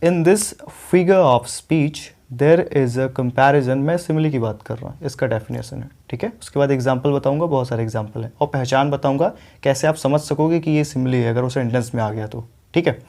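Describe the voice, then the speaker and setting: Gravelly-voiced man teaching pronunciation. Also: mid-range voice, warm tone. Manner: explains pronunciation step by step, repeats words slowly; often adds "ठीक है" and addresses viewers as friends. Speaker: English teacher. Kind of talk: spoken English lesson.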